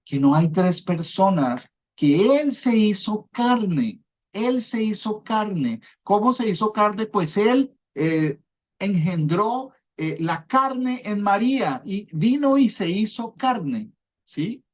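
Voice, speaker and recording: A man's voice: high-pitched, very animated, takes it slowly. A man preaching a sermon with fervor, checking in with his listeners through repeated rhetorical questions.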